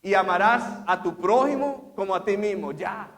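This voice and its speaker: A man's voice: high voice, moderate pace. A man preaching a sermon as pastor, asking his listeners questions and chuckling as he reads aloud. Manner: animated, asks the congregation questions, laughs often.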